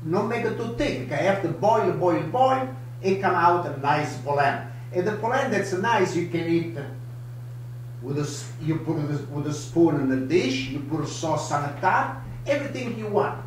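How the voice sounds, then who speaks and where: An older man in his seventies with an Italian accent, hosting a live home cooking show in broken, animated English. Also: a little high, moderate pace, far from the mic, a little hiss or hum. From Italy. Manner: broken English, lively, gestures a lot. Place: home kitchen, indoors. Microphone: camera across the counter. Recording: echoey kitchen, voice from afar.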